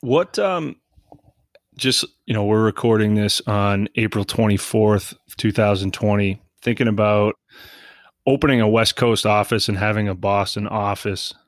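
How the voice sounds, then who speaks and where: A man's voice: lowish voice, a little slow, no room sound, clean studio sound. A man hosting a podcast, asking loose, casual questions. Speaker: podcast host. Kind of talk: interviewing.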